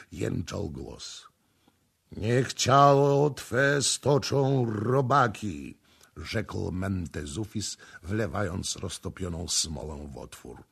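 Gravelly, slow male audiobook narrator. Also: fairly low pitch. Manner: dramatic, measured storytelling. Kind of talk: scripted narration.

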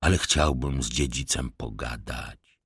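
A man voicing a sly, menacing old vagabond in an audiobook, speaking in a low, ironic, threatening drawl. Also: measured pace, a bit bright, breathy edge, no room sound, full character voice. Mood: mocking. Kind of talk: audiobook character voice.

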